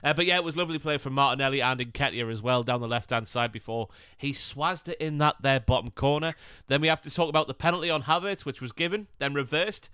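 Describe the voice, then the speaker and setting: A man co-hosting a football podcast, talking in a blunt, casual way with plenty of swearing. His voice is bright and smooth. He is recorded close on a dry mic. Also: on the high side, no echo. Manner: blunt, swears casually, slips into mocking impressions. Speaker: podcast co-host.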